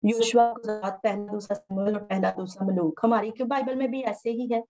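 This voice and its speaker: A woman's voice: mid-range voice, fairly even intonation, moderate pace, mellow. A woman giving a methodical Bible lesson from slides, repeating key terms as she explains. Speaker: Bible teacher. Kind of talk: slide-based lecture.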